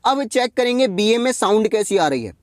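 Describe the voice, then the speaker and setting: A man teaching an English grammar lesson for exam preparation, asking questions and answering them himself, repeating key points and reading example sentences slowly. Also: high-pitched, very animated, no room sound, studio quality.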